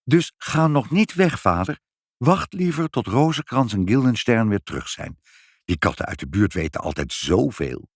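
A fussy, chatty storybook mother, voiced by a man reading aloud. She fusses along with a lively, animated pitch. Dry, close recording. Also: moderate pace, dry recording.

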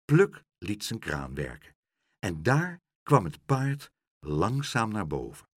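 A man reading a children's story aloud with expressive, unhurried narration. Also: fairly low pitch, husky, no room sound, clean studio sound. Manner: expressive and slow, with dramatic pauses.

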